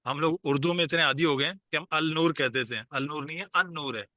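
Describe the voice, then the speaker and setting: A man teaches over a video call with a very bright, forward voice that sits a little high for a man. He explains patiently, one step at a time, and stops often to quiz his class. The sound is close and dry, with no room around it. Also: no echo. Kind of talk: online class lecture.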